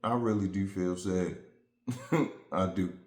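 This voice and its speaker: A man's voice: deep voice, slow, darkish tone, reverberant. A man vlogging to his viewers, talking through a relationship hurt in a reflective, rambling, earnest way. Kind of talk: casual vent to camera.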